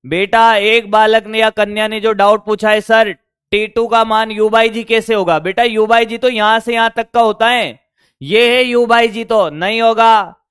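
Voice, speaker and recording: A male physics teacher, lecturing online at a board, his voice hoarse from shouting, coaxing students and checking whether they follow. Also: high-pitched, steady tone, measured pace, no room sound, studio quality. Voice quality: strained, worn voice. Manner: coaxing, keeps asking if students got it.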